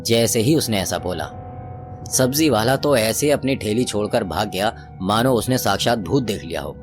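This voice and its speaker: A man's voice: fairly low pitch, lively intonation, normal speed. Give me a man narrating a horror tale in a dramatic, chatty way over faint music. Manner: conversational, dramatic storytelling. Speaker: storyteller. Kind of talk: Hindi horror story narration.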